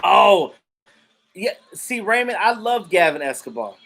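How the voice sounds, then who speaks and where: A high-pitched, very animated man with vocal fry and a fairly bright tone talks a little slowly as he hosts a live stream. In his thirties and from Jamaican family roots, he chats loosely about football, answers viewers and curses without holding back.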